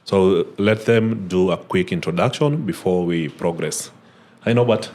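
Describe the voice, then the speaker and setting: A man's voice: low voice, unhurried. A man hosting a casual podcast interview, easygoing and peppered with "uh" and "awesome". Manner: relaxed, frequent "uh" fillers and "awesome". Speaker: podcast host.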